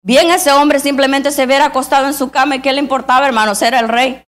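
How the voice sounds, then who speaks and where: A woman's voice: high voice, fairly even intonation, fast. A woman preaching a sermon, reading scripture aloud and constantly calling her listeners brothers. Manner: reads scripture aloud then exhorts.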